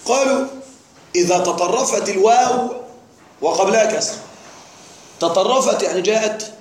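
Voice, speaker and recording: High-voiced man teaching a lecture. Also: normal speed. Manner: quizzes students with repeated questions. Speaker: Arabic grammar teacher. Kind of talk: classroom lecture. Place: classroom. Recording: echoey classroom with faint noise.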